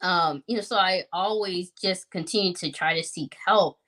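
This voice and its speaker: A woman's voice: on the low side, normal speed, fairly bright tone. A woman in her thirties sharing her personal story in a podcast conversation, reflective and earnest, with many fillers.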